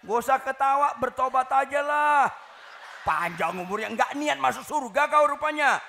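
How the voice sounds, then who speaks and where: A male pastor preaching a sermon to a congregation in a lively, teasing way, often shouting the punchlines. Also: extremely high pitch, normal speed, vocal fry, a little hiss or hum. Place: church hall.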